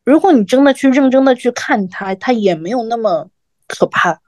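Reflective woman co-host, slightly high voice. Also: lively intonation, normal speed, darkish tone, no room sound. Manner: conversational storytelling, reflective. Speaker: podcast co-host. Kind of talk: podcast conversation.

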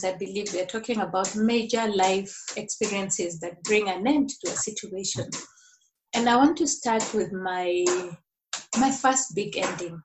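A woman's voice: medium pitch, background noise. A middle-aged woman from Kenya with a Kenyan accent, answering conversationally as an interview guest on a call. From Nairobi, Kenya. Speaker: podcast guest.

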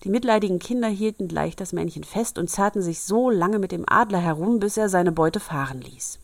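A woman reading an old fairy tale aloud in a steady, old-fashioned storybook manner. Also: medium pitch, brisk, gravelly, no echo.

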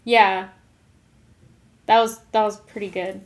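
A young woman co-hosting a podcast in casual chat, lively and quick to laugh. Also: medium pitch. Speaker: podcast co-host.

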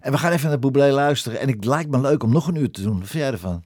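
A man hosts an informal radio show with a chatty, halting delivery. He repeats words and often checks for agreement, in a medium-pitched voice recorded close and dry. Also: animated, a little mellow, no room sound. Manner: chatty, halting, repeats himself, seeks agreement with tag questions. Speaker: radio host. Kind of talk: casual radio chat.

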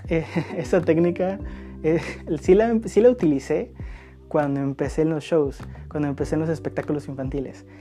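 Mellow-voiced man giving podcast advice. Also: fairly high pitch, moderate pace, faint music behind. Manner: reads out listener questions and answers them in a relaxed, coaching way. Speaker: podcast host.

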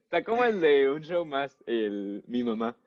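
Young Mexican man, podcast friend; mid-pitched, dry banter. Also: big pitch swings, a little slow, lo-fi sound. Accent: Mexican Spanish. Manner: dry, mock-threatening banter. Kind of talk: casual chat among friends.

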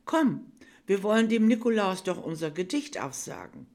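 A woman voicing a kind kindergarten teacher who gently coaxes a child, in a storybook tale. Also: medium pitch, big pitch swings, normal speed, pitched above the performer's own voice. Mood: coaxing. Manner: gentle, coaxing.

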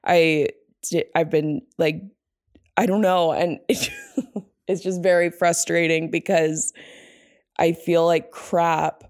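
A young woman co-hosting a casual book podcast, hoarse and gravelly from being sick, rambling and trailing off as she talks. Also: lowish voice, flat delivery, slow pace, long pauses, a little mellow, no room sound, studio quality. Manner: rambling, self-deprecating, trails off mid-sentence. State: hoarse from illness. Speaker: podcast co-host.

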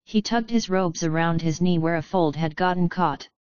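A woman reading a story aloud as narrator in an even, measured way. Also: on the low side, no room sound. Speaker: audiobook narrator. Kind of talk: scripted narration. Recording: slightly muffled close recording.

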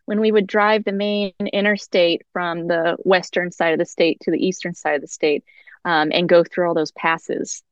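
A woman's voice: fairly low pitch, fairly even intonation, moderate pace, dry recording, dull audio. Giggly, effusive woman podcast guest. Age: young adult. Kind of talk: casual podcast chat.

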